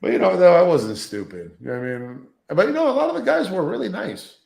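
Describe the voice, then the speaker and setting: A man in his thirties, a guest telling profane, animated anecdotes in a casual interview, full of acted quotes. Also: high voice, quick pace, gravelly, reverberant, poor audio.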